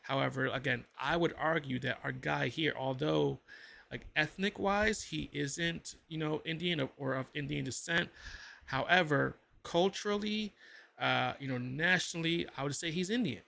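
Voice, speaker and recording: Gravelly, bright-voiced man reacting. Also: fairly high pitch, normal speed. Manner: thinking aloud, many fillers and restarts. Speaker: reaction video host. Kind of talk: casual reaction commentary.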